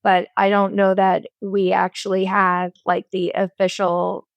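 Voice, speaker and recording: A woman's voice: mid-range voice, completely flat delivery, unhurried, gravelly, no echo. A middle-aged woman co-hosting a podcast, speaking casually and chattily with wry asides. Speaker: podcast co-host. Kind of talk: conversational podcast chat.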